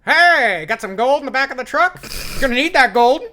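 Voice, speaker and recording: A man imitating his father's twangy hee-haw prospector voice, loud and repetitive. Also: very high-pitched, lively intonation, moderate pace, voice pushed up, heavily acted. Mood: gruff. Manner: loud, gruff, repeating himself. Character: hee-hawing old male prospector type, his own dad.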